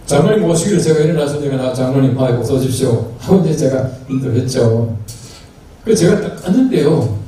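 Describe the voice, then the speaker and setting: An older man in his sixties, a pastor, telling a church story in a relaxed sermon style and acting out the dialogue. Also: mid-range voice. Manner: storytelling, acts out dialogue, chuckles. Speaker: pastor giving a lecture. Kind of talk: anecdotal sermon talk. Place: large hall at a retreat. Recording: distant mic in a very echoey hall, faint noise.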